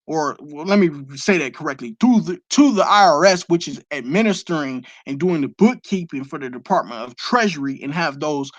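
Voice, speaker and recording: A Detroit streamer lectures with emphasis in a fairly high, fairly bright voice, answering viewer questions and dropping in profanity during casual, unscripted talk. The recording is dry and close, with no room sound.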